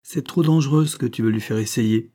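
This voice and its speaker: A man's voice: medium pitch, fairly quick, mellow, natural voice. A man voicing a worried, pleading woman. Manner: pleading, cautious.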